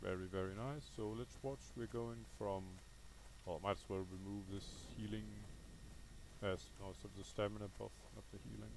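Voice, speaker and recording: A native Danish speaker from Denmark hosts a gaming video, offering casual, unscripted commentary with a Danish accent. His lowish voice has a steady tone and creak at a moderate pace, with background noise, as he thinks aloud hesitantly and corrects himself.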